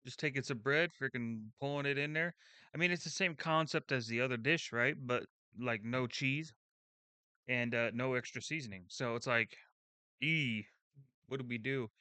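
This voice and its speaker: A man's voice: mid-range voice, normal speed, bright, forceful tone, smooth, no echo. Blunt, swearing young man reacting. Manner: blunt, swears freely, thinks aloud with restarts. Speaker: channel host reacting to a video. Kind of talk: casual reaction commentary.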